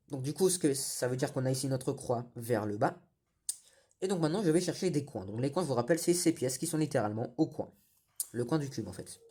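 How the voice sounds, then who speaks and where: A man's voice: mid-range voice, warm tone, husky. A young man giving a patient step-by-step tutorial, often correcting himself. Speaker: cubing tutorial host.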